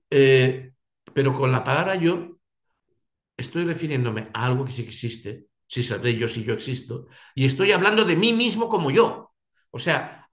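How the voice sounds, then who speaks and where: A man leading a philosophy seminar, thinking aloud with many restarts and rhetorical questions. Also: medium pitch. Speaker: seminar leader. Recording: echoey room.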